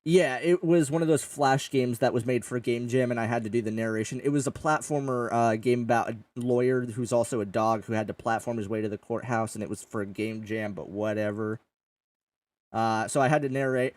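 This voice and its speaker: Casual podcast host, male, mid-pitched, rambling and profane, a bit off-mic, dry sound. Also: fairly even intonation, a little fast, a little mellow, no room sound, far from the mic. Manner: rambling, swears often, jokey. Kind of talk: casual gaming chat.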